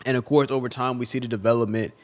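A young man on the edge of tears talks in a mid-pitched, ordinary voice, stumbling over and repeating his words. His speech is casual and full of slang, heartfelt and broken up. He records himself at home in his room. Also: steady tone, racing. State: close to tears. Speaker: video creator. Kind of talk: emotional tribute vlog. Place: his own room, among collectibles.

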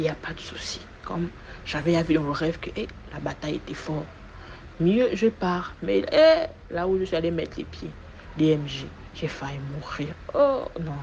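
A woman with a low, gravelly voice tells her personal testimony. She recounts events with sudden loud bursts and repeated words. The recording sounds muffled, with faint noise behind her. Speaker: guest giving a personal testimony.

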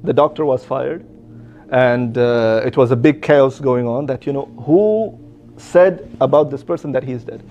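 A man telling a religious story in a casual, halting way, with many restarts and Arabic phrases, on a dull lo-fi recording. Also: mid-range voice, warm tone, soft background music.

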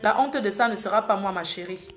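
A woman's voice: mid-range voice, brisk, reverberant, faint music behind. A young woman from Cameroon hosting a live stream, talking hard and repeating her warnings to the people watching. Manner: scolding, emphatic, repeats warnings. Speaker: social media live host. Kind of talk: heated live-stream monologue.

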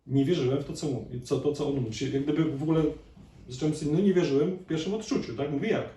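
A man's voice: on the high side, quick pace, warm tone. A man giving a conversational live lecture to an audience as a chiropractor, often putting questions to the listeners. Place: lecture hall. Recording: echoey hall, distant mic, faint noise.

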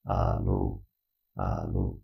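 A Brazilian man narrating a casual software tutorial through a robot voice changer that makes him sound half robot. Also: extremely slow, highs cut off. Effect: robot voice changer, flat and buzzy.

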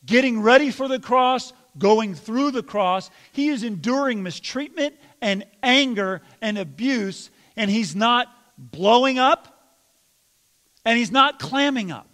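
A man preaching a sermon as pastor, questioning his congregation directly and sometimes mock-yelling. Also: sits high, big-room sound. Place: church sanctuary.

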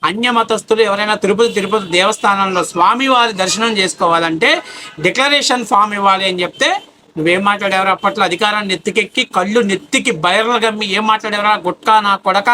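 A man delivering an angry, abusive political rant, taunting his target with rapid rhetorical questions. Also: sits high, sharp tone, slight background noise. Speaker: political commentator.

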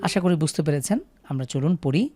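A man's voice: fairly high pitch, fairly quick, warm tone, faint music behind. A man with a Bangladeshi Bengali accent teaching a Quran recitation class, patiently repeating questions and drilling syllables.

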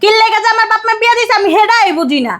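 A woman's voice: very high voice, animated, very fast, fairly bright tone. A woman playing a nagging middle-aged wife and mother with a Bangladeshi Bengali accent, scolding and insulting.

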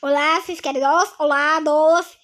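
A young girl playing a game with a friend, excitable, often shrieking and laughing. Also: high-pitched, a little slow, very noisy. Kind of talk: playful game chatter.

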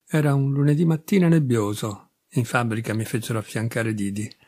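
A man narrating an audiobook in a measured first-person storytelling voice with a dry, bitter edge. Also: mid-range voice, a little mellow. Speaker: audiobook reader.

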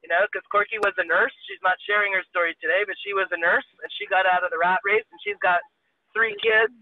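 A man's voice: high-pitched, brisk, dry recording, far from the mic. Joking, rambling man on a tinny call. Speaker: webinar co-host. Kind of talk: casual promotional chat. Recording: dry, tinny call audio.

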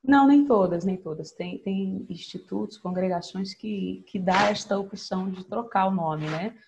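This woman in her thirties is a nun and singer from Espírito Santo, Brazil, appearing as a podcast guest on a video call from a plain room. Her mid-range, creaky voice moves at normal speed with a mixed Minas Gerais and Bahia accent; she chats animatedly, laughs often, and tacks "né?" onto her phrases. The audio is poor, with slight background noise.

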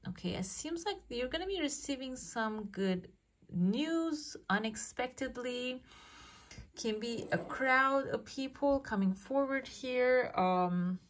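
A woman speaking as a fortune teller, giving a casual reading straight to the viewer and musing aloud as she interprets. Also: a little high. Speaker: fortune teller, channel host. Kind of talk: casual coffee cup fortune-telling reading.

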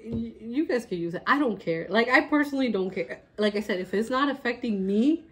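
A young woman co-hosting a casual chat podcast, blunt and quick to laugh, with lots of "like" fillers. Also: on the high side, animated, fairly bright tone. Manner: blunt, laughs often, says "like" a lot. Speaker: podcast co-host.

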